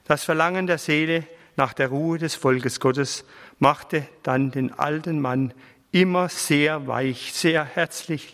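A man reading a biography aloud in a slow, measured, reverent way. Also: fairly high pitch, a bit bright, long reverb tail.

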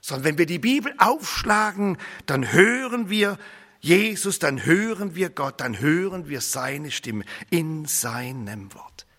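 Preacher, male, bright gravelly voice, swings from loud to hushed. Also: fairly high pitch, big pitch swings, takes it slowly, big-room sound. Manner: emphatic, repetitive, dramatic swings between loud and hushed. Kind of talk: sermon.

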